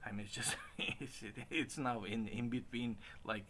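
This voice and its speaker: A man in his late forties talking casually in a halting way, with frequent restarts and chuckles. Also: mid-range voice, a bit bright, a little hiss or hum. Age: 40s. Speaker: stream host. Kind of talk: casual rambling monologue.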